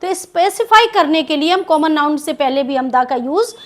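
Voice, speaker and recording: A woman's voice: sits high, lively intonation, moderate pace. A woman with an Indian accent teaching English grammar in a video lesson, asking questions and answering them herself.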